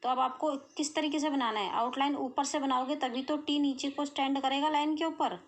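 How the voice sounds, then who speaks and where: A woman's voice: sits high, steady tone, a little fast. An Indian woman teaching shorthand step by step, patiently checking that her students follow. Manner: patient, checks in often with "clear?" and "okay". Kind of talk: explaining a lesson step by step.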